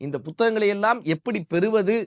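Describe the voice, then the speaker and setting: Male storyteller, devotional epic tale, emotive swells and drops, slightly high voice, dry close sound. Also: a little fast, no echo. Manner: colloquial spoken asides to listeners. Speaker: storyteller and motivational speaker.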